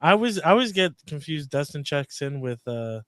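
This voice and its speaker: A man's voice: on the high side, big pitch swings, a little fast, a bit bright, no room sound, clean studio sound. A man co-hosting a casual podcast chat, asking curious questions.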